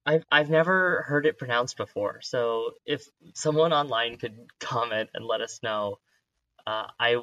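A man's voice: mid-range voice, a little slow, pushed and bright, no room sound, muffled recording. A man hosting a podcast interview, asking curious, upbeat questions with frequent hesitations. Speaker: podcast host. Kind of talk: casual interview chat.

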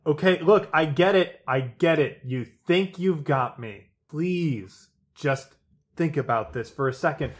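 A man's voice: fairly high pitch, a little slow, few pauses, fairly bright tone, voice pushed up. A man voicing a scared but determined young male criminal in a tabletop game, stammering and pleading. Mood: nervous pleading.

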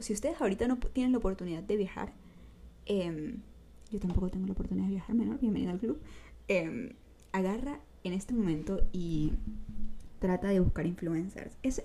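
A woman's voice: mid-range voice, lively intonation, fairly quick, dark tone, slight background noise. A young woman with a Venezuelan accent hosting a casual solo podcast, chatting directly to listeners and giving advice with slang. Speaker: podcast host.

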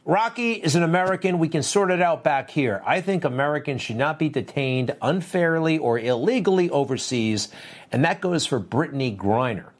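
A man's voice: on the high side, lively intonation, normal speed. A man hosting a talk show, giving an opinionated, conversational monologue with wry asides and rhetorical questions.

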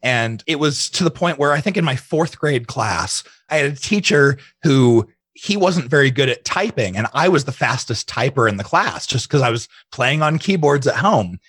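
This digital marketing entrepreneur, appearing as an interview guest, speaks at medium pitch in an animated, husky, slightly bright voice at normal speed with barely any pauses. The recording is dry. He chats loosely, recounts personal stories and frequently repeats what he was thinking at the time.

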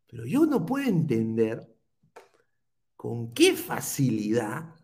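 A man's voice: a little high, warm tone. A man with a Peruvian Spanish accent hosting a casual livestream, talking in a sarcastic, rambling, teasing way. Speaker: podcast host.

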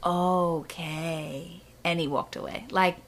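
A young woman tells her story in casual conversation, slipping into each person's voice as she goes. Her tone is bright and forceful. Her voice sits slightly low. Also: normal speed. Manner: lively storyteller who acts out dialogue, laughs often. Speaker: guest. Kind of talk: casual interview chat.

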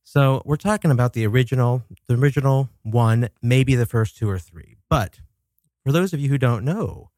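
A man with a cold coming on hosts a solo horror-film podcast, telling stories dramatically with chatty asides and occasional swearing. His medium-pitched, darkish voice has lively intonation and a moderate pace, recorded in clean studio quality with no echo.

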